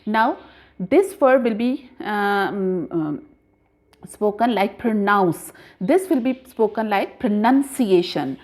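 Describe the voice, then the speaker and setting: A woman teaching a grammar lesson patiently, spelling words out letter by letter with frequent pauses. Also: medium pitch, expressive, a little mellow. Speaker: English teacher.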